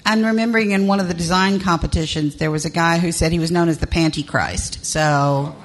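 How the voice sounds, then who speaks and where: A woman's voice: lowish voice, fairly even intonation, a little fast. A woman from Tennessee hosting a podcast, chatting casually and laughing often. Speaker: podcast host. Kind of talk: casual chat.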